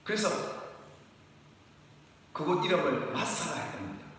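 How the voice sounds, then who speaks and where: Male pastor preaching, slightly high voice, lively delivery, distant mic in a reverberant church hall. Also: normal speed. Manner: animated preaching, often acts out complaints as questions. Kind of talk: sermon.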